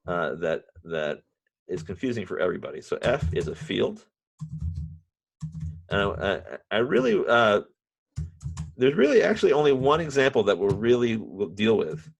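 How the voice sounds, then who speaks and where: A man teaching a university math class remotely, halting often with restarts and fillers, and dropping wry, self-mocking asides. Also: on the low side, sing-song, vocal fry, dry recording. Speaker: math professor.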